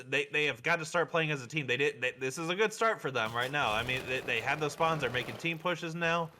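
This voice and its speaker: A man giving esports color commentary, halting with many restarts. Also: mid-range voice, noisy background.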